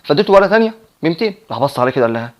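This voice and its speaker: Rapid-fire Egyptian man vlogging. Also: a little high. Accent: Egyptian Arabic. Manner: lively, chatty, jokey storyteller. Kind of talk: explanatory vlog talk with a personal story.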